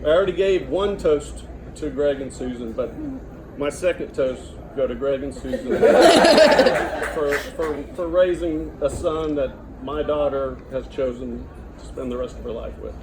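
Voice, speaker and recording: A middle-aged man giving an informal father of the bride speech, halting and conversational, with a joking delivery. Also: medium pitch. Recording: noisy room with loud audience chatter and laughter.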